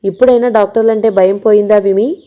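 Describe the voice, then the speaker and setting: A woman's voice: medium pitch, fairly even intonation, fast talker, dull audio, close to an everyday voice. A woman voicing an earnest young male lawyer who speaks in a caring, reassuring way.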